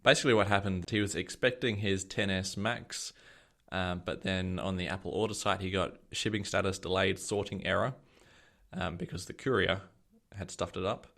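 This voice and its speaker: Gravelly low-voiced man on a podcast. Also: moderate pace, fairly bright tone. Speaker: podcast co-host. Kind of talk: casual chat.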